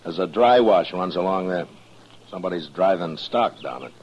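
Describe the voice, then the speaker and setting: An actor playing a calm, dry-humored frontier marshal in an old radio western, speaking in an easygoing, wry way, heard over AM radio. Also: male voice, sits low, moderate pace, slightly rough. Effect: old AM radio broadcast sound. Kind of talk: 1950s radio drama acting. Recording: muffled lo-fi old radio broadcast.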